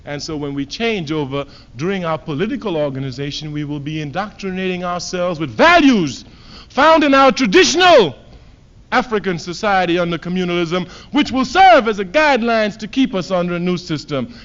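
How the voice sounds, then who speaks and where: A political speaker from Trinidad gives an emphatic speech, driving his points home through repetition. His high voice swings widely, climbing to loud declarations and then dropping into low asides. The audio is dull and muffled, like an old archive recording.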